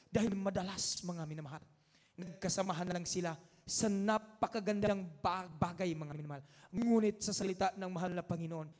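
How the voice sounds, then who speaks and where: A male preacher with a very high voice delivers an impassioned sermon, circling back to his refrain again and again. He swings from loud, urgent declarations to near-hushed lines. His voice rings out through the long echo of a large church hall. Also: normal speed.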